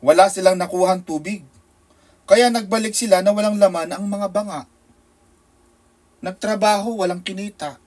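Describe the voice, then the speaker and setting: A male pastor with a Filipino accent, preaching a sermon with rhetorical questions and call-and-response, swinging between loud emphasis and soft asides. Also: sits high, fairly quick.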